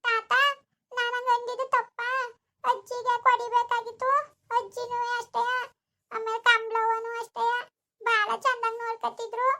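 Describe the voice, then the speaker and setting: A woman voicing an upset, tearful young boy in a village comedy skit, soft and pleading. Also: extremely high pitch, monotone, normal speed, pitched above the performer's own voice, heavily acted.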